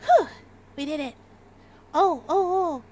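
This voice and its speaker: A Canadian game streamer with a light Maritime accent chats casually and giggles while livestreaming a game. Her voice is very high, slow and a little mellow.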